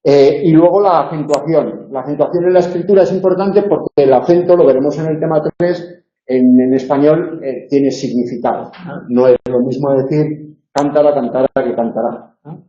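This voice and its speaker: Man, university tutor, dark mellow voice, explanatory lecture style, echoey lo-fi room recording. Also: on the high side, moderate pace. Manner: explanatory, asks for agreement. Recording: echoey room, dull lo-fi sound.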